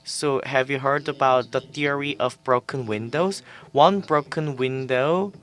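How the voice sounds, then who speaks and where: A man presenting at an online forum, speaking haltingly with fillers and restarts. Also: medium pitch, fairly bright tone. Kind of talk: conference presentation in English. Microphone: webinar microphone.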